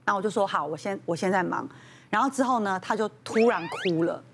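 A woman's voice: mid-range voice, fairly quick. A woman on a talk show panel, telling a hesitant personal story. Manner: hesitant, restarts with fillers.

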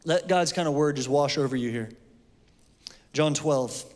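A man's voice: on the high side, a little slow, darkish tone. A man preaching a sermon in a church in a loose, conversational way, with fillers and restarts. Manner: conversational, with fillers and self-corrections. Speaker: pastor. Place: church sanctuary. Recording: long hall reverb.

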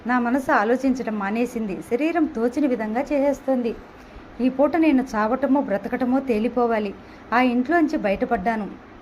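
A woman narrating a novel in the first person, telling the story in a steady, measured way. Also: a little high, a little hiss or hum, rough recording. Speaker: audiobook narrator.

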